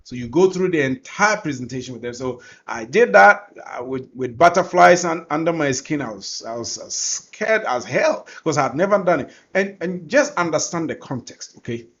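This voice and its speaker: Higher-pitched Ghanaian man telling a story. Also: expressive, normal speed, hardly any pauses, fairly bright tone, dull audio. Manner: emphatic, repeats phrases for effect. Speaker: course presenter. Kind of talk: personal storytelling in a lesson.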